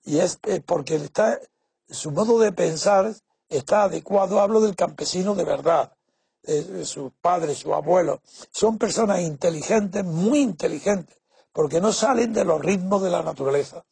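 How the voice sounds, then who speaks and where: Man, high gravelly voice, very raspy; reflective, opinionated explainer, hesitant fillers, dry close sound. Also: mellow, dry recording. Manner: measured, pausing with frequent "eh" and restarts. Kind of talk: reflective spoken essay.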